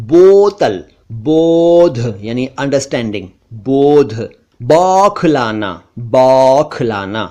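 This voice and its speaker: Man, pronunciation teacher, slow measured drilling, repeats words to contrast. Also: mid-range voice, darkish tone. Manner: slow, deliberate word-by-word drilling, contrasting wrong and right forms. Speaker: language teacher. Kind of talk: pronunciation lesson.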